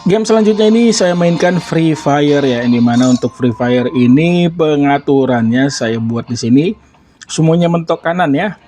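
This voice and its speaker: A man with a fairly high-pitched voice talks through a gaming test in an informal way. He comments casually as he plays and reviews, often adding little tag words to his statements. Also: moderate pace, warm tone, soft background music.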